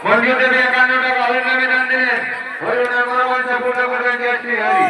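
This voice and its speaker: Man droning out temple donations on echoey festival loudspeaker, flat pitch, far away w noise. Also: fast. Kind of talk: repetitive formulaic donation announcements over loudspeaker. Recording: echoing festival loudspeaker, distant, crowd noise.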